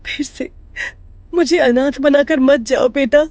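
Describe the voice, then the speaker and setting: A woman's voice: sits high, steady tone, a little slow, a little mellow, no room sound, muffled recording. An actress playing a lonely, emotional older grandmother who pleads with her family to stay. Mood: pleading. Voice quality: tearful, pleading.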